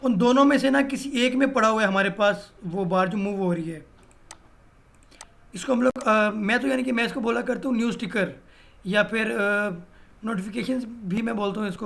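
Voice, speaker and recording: A man's voice: high-pitched, creaky, a bit bright. A man teaching a step-by-step screen-recorded web design lesson, often adding "भाई" as he explains. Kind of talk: screen-recorded software tutorial.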